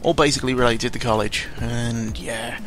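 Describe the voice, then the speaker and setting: A young adult YouTuber records an audio log of casual, unscripted news commentary over background music. His mid-pitched voice is a bit bright with fairly even intonation, and he rambles and stumbles, cutting himself off mid-thought. His delivery is dry, sarcastic and self-deprecating, with an exasperated edge.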